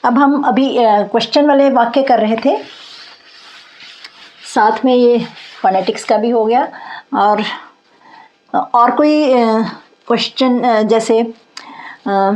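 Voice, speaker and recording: Slow-speaking woman teaching English grammar. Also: a little high, a little mellow. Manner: patient, repeats points and checks with "theek hai"; reads English example sentences out slowly. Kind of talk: grammar lesson explained in Hindi.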